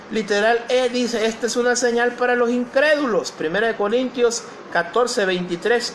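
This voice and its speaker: A man's voice: very high voice, a little hiss or hum. A male pastor preaching a sermon, posing questions to the congregation and reading scripture aloud.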